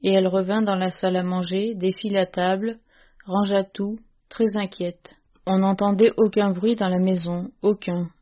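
A woman's voice: medium pitch, steady tone, normal speed. Woman reading a story, dull sound. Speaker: narrator. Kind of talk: scripted narration of a classic story. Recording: dull, lo-fi recording.

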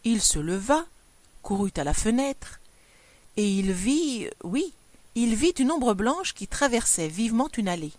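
A woman reading a classic story aloud in an expressive, measured narration. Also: on the high side, no room sound. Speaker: reader.

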